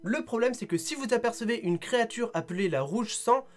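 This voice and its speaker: A man chatting casually in a video review, lively with quick asides, sounding tired. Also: very high voice. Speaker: manga vlogger.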